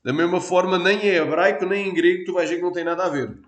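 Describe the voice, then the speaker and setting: Portuguese pastor teaching in an echoey room. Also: male voice, sits high, quick pace. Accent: European Portuguese. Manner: explains patiently, asks "Amém?" for assent. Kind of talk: teaching sermon.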